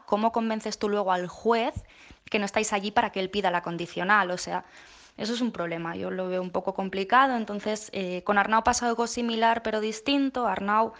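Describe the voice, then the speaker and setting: Woman guest rambling through a jokey answer, deadpan and playful. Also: mid-range voice. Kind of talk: recorded comedic answer.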